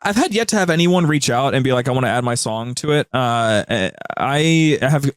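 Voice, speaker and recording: Expressive and smooth, this man's mid-range voice moves at a moderate pace with no echo. A podcast guest and co-host of a media group's show, he chats informally and explains things in an excited, storytelling manner.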